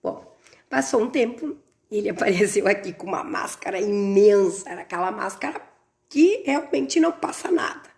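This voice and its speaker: A middle-aged woman, teaching a live online class and telling a story with lively emphasis. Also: mid-range voice, normal speed, vocal fry. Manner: animated, acts out dialogue with strong emphasis. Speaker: course instructor on a livestream.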